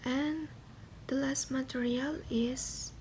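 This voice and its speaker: A young woman giving a class presentation in a soft, often half-whispered voice, hesitant with many pauses and restarts. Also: high voice, steady tone, slight background noise, rough recording. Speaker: student presenter.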